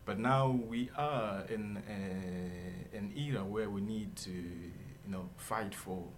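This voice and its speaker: A young man, giving a studio interview. His voice sits fairly low, and he speaks earnestly and emphatically, often checking in with his listener. A faint hum of ambience lies under his voice. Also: slow. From Zimbabwe. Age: 20s. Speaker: guest entrepreneur. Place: radio studio.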